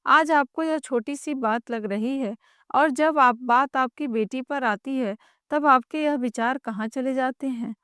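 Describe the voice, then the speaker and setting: A woman's voice: high-pitched, a little slow, a bit bright, smooth, no echo, studio quality. A woman voicing an overworked young wife who speaks out in an indignant, raised voice.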